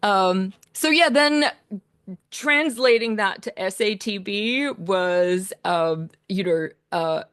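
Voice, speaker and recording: A woman's voice: medium pitch, takes it slowly, a bit bright, clean tone, dry recording, studio quality. A woman composer with an Australian accent, giving a casual, chatty talk to a choir with plenty of fillers and self-deprecating asides.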